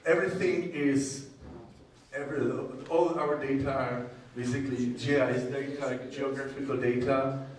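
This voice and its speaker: A man from the Czech Republic with a Czech accent gives a technical conference presentation in a hesitant, halting manner with frequent pauses. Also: mid-range voice, fairly even intonation. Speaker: conference presenter, university groundwater modeler. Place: indoor presentation room with strong echo. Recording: echoey hall, distant mic, faint noise.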